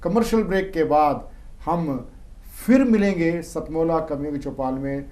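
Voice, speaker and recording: A man hosts a poetry show and keeps things moving with short words of praise and formal announcements. His voice is fairly high for a man. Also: a little slow, warm tone. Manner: brief encouraging interjections and formal announcements. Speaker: show host.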